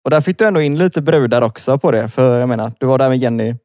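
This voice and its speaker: A man's voice: medium pitch, mellow, no echo, studio quality. A man co-hosting a casual podcast, laid-back, reacting with short replies and laughter. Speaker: podcast co-host. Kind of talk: casual chat.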